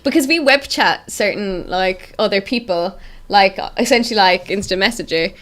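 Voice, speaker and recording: A woman's voice: medium pitch, moderate pace, a bit bright. A woman with a west of Ireland accent, chatting casually and playfully as co-host of a stream. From Galway, west of Ireland. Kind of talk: casual chat.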